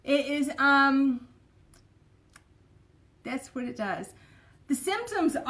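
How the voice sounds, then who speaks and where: A woman talks in a loose, rambling way, full of fillers and little asides. Her voice sits a touch high. It sounds like an easy, unscripted home vlog chat. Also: big pitch swings, slow, a bit bright. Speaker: vlogger. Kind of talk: casual chat.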